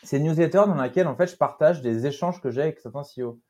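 Relaxed young man with a mellow voice. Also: on the high side, fast talker. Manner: relaxed, joking, many fillers. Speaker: podcast guest. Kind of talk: casual interview chat.

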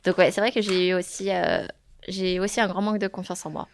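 A young woman chatting casually as a guest, relaxed and talkative, often laughing. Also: fairly low pitch, fast, vocal fry, a little hiss or hum. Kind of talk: casual chat.

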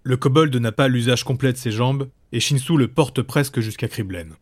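A man narrating a fantasy story in a measured, dramatic way. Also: medium pitch. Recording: background music.

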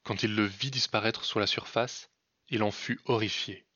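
A man telling a folk tale as a podcast storyteller, in measured, dramatic narration. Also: lowish voice, steady tone, pushed and bright, no echo. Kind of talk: scripted narration. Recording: dull, dry lo-fi recording.

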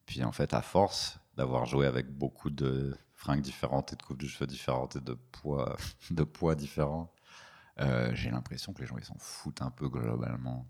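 A man's voice: fairly even intonation, moderate pace, vocal fry, darkish tone. A man who does stand-up, chatting casually in an interview, slangy and laid-back, rambling as he goes. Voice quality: very deep voice. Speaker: stand-up comedian.

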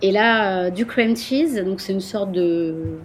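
Woman from marseille chatting as a guest, lively, laughs a lot, lots of "euh", middle pitch. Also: slow, a little hiss or hum. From Marseille, France. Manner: animated, laughs often, hesitant fillers. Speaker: guest, tour company owner. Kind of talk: casual interview chat.

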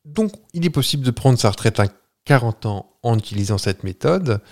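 A man's voice: medium pitch, expressive, darkish tone. Chatty man explaining with fillers. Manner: chatty, jokey, halting with fillers. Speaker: podcast co-host. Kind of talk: casual chat.

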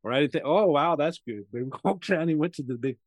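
Animated and quick, a fairly high-voiced American real estate investor in his sixties rambles through stories as a podcast guest, performing other people's lines as he goes. The casual interview has no echo.

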